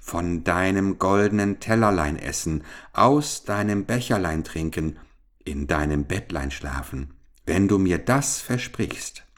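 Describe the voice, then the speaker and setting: A man voicing an ugly talking frog in a children's fairy tale, drawing out his words slowly and insistently. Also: deep voice, animated. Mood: coaxing. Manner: slow, drawn-out, coaxing.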